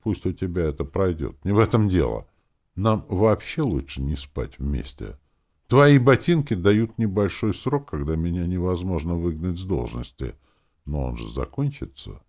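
A man's voice: deep voice, animated, moderate pace, darkish tone. A man reading an audiobook, voicing a cautious, businesslike young woman who works as a guild clerk. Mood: haggling.

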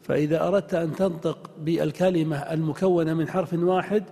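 Male teacher, fairly high husky voice, deliberate lecturing, long hall reverb. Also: steady tone, mellow. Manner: deliberate, spells out examples, asks the class questions. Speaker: grammar teacher. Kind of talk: lecture on Arabic grammar.

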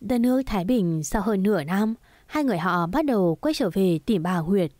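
A tender middle-aged mother, voiced by a woman reader, patient and sorrowful in a spoken romance story. She talks softly and coaxingly at an ordinary pitch. The recording is dry and close. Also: expressive, moderate pace, no echo, lightly acted. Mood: recounting.

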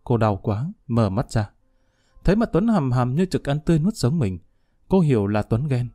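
A man's voice: mid-range voice, sing-song, moderate pace, mellow, dry recording, clean studio sound, soft background music. A man narrating a dramatic story in a scripted reading.

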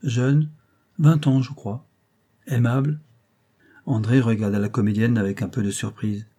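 Give me a male audiobook reader with a husky, mellow voice, measured and steady. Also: mid-range voice. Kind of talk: reading a novel aloud.

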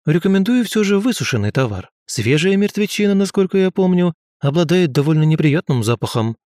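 A man's voice: high voice, big pitch swings, brisk, darkish tone, dry recording, clean studio sound, pitched above the performer's own voice. A man voicing an eccentric undead male ghost scientist who rambles in a matter-of-fact, businesslike way. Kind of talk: audiobook character voice.

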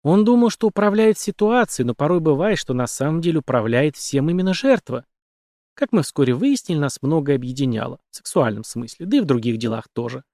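Man voicing a cold, calm female killer. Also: on the high side, fairly quick, no room sound, clean studio sound. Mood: calm menace. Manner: soft, composed, menacing.

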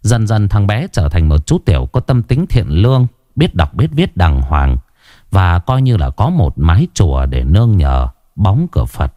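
A man narrating a story in an unhurried, expressive way. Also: sits low, no echo, clean studio sound.

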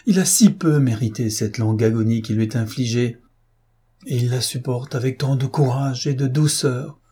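A man's voice: medium pitch, normal speed, warm tone, breathy edge, close to an everyday voice. A man reading an audiobook, voicing an anguished, tearful young aristocratic wife in a pleading manner. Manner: pleading, sobbing.

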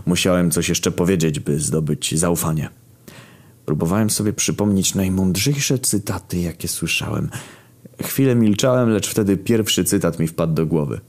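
Deep-voiced man telling a comic story. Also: normal speed. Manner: deadpan narration with sudden loud outbursts. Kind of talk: comic first-person storytelling.

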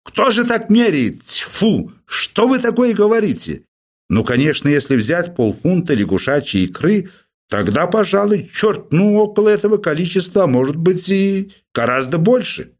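Guy doing a shrill old professor yelling his head off, jumps all over the place pitch-wise, storybook reading. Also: expressive, normal speed. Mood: furious. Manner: shouting, hysterical outbursts. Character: irascible old male professor, shrieking. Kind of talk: audiobook character voice.

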